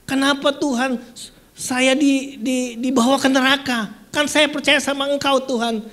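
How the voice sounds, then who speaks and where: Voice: high-pitched, steady tone, measured pace, a bit bright, pitched above the performer's own voice. A preacher voicing a terrified servant of God begging not to go to hell. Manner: frightened, begging.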